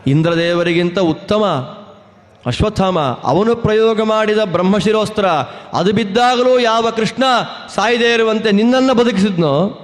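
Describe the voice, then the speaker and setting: A man from Karnataka giving a devotional discourse, telling scripture stories with rhetorical questions and chanted Sanskrit verses. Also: high voice. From Karnataka, India. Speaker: religious discourse speaker. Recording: reverberant hall.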